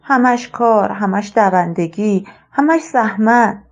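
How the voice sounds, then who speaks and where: A woman's voice: medium pitch, lightly acted. A woman reading a wistful retired old colonel. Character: retired elderly male colonel, wistful, rambling father.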